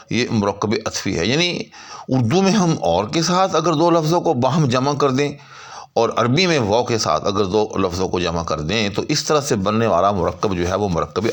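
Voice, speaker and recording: A middle-aged man giving a lesson on pronunciation and meaning, explaining step by step and drawing out words slowly to show how they are said. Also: mid-range voice. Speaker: Urdu language and poetry teacher.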